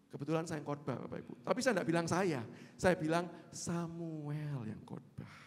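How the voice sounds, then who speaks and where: A male pastor with an Indonesian accent giving a conversational sermon, moving from quiet asides to loud emphatic peaks. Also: fairly high pitch, fast, big-room sound. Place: church sanctuary.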